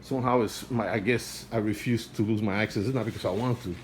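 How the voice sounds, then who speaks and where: A fairly low, steady male voice with a little hiss or hum comes from the earnest vlogger holding his phone by the tank at home. His accented English is halting and repetitive, full of restarted phrases and a pleading tone, as he casually shows off the aquarium.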